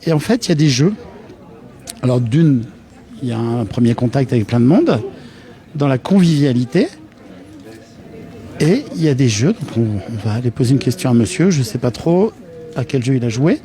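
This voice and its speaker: A man's voice: mid-range voice, lively intonation, moderate pace, pauses often, dark tone. A man hosting a live interview at an outdoor market, chatty and joking, with many restarts. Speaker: host of a local web TV channel.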